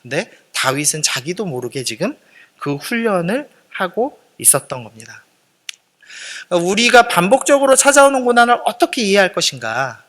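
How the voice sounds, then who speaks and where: A man's voice: high-pitched, big pitch swings, normal speed, a bit bright, long reverb tail. A male pastor preaching a sermon, earnest and explanatory, turning to the congregation with conversational asides and questions.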